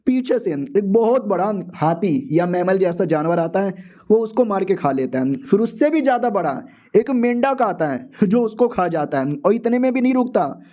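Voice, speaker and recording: A man's voice: sits high, lively intonation, moderate pace, dark tone. A man narrating a manga recap in a casual, slangy, joking storytelling style.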